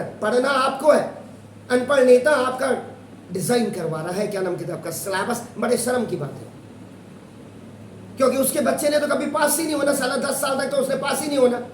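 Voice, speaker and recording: A man's voice: extremely high pitch, lively intonation, normal speed, pauses often. A male maths teacher from India gives a preachy, sarcastic classroom lecture, mixing English and Hindi. He is picked up from across an echoey room with a faint hum of ambience behind him. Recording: echoey room, mic far off.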